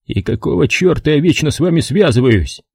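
Sarcastic grouchy corporal, as a man reader puts him on, dark and husky. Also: fairly high pitch, expressive, brisk, no echo, studio quality, voice pushed up, exaggerated voice. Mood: grumpy. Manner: grumbling, sarcastic. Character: grumpy irritable male army corporal.

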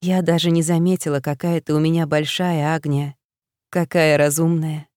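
A woman voicing a weary, tearful middle-aged mother in an audiobook, speaking softly and sadly. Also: on the low side, moderate pace, no echo, clean studio sound, close to an everyday voice. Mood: tender, tearful. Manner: soft, quiet, sorrowful. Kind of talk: audiobook dialogue reading.

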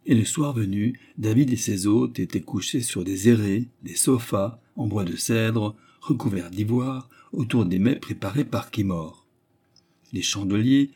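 A man reading a literary story aloud as narrator, with a slow, ornate storytelling cadence. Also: fairly low pitch, dark tone, husky. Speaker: audiobook narrator.

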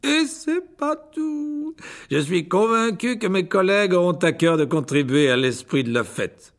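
A man's voice: sits high, expressive, a little slow, pitched above the performer's own voice. A man voicing a vain, flamboyant male wizard teacher who exclaims theatrically and laughs at his own jokes, in an audiobook reading. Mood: showy.

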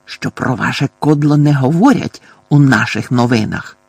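A gruff, hoarse uncle voiced by a male audiobook narrator who badgers and bullies. His voice is rough and husky, dry and close, with a loud, hectoring push. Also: mid-range voice, moderate pace, no room sound. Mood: angry. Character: blustering, furious middle-aged uncle.

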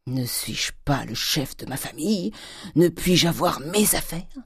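A reader voicing a domineering, miserly old father who lurches from loud fury to hissed whispers. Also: mid-range voice, animated, a little slow, creaky, slightly rough, no room sound, clean studio sound, exaggerated voice. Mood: scolding. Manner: thundering, swinging from shouts to hissed whispers. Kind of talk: audiobook character reading.

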